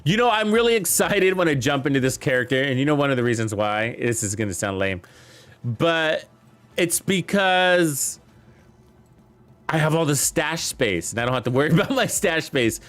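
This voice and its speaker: Playing a shooter, a man with a fairly high, bright and animated voice chats with viewers at a moderate pace. His commentary stays casual and upbeat throughout.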